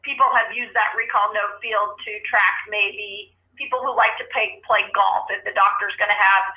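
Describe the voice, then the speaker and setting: A woman trainer on a speakerphone, patiently explaining software steps one at a time during a live training call. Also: medium pitch, steady tone, normal speed. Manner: patient, practical, explains step by step. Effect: heard over a speakerphone. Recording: muffled speakerphone line.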